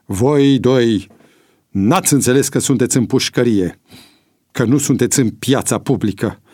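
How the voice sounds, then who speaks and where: A man's voice: medium pitch, dark tone, slightly rough, no echo, clean studio sound, natural voice. A man voicing a severe male prison commandant who scolds prisoners sternly. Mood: stern scolding.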